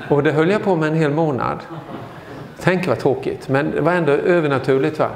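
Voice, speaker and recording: A man in his sixties giving a lively charismatic sermon, exclaiming hallelujah and joking with the congregation. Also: fairly high pitch. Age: 60s. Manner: exclamatory, peppers talk with hallelujahs, joking asides. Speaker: guest preacher. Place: church sanctuary. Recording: echoey church hall with long reverb.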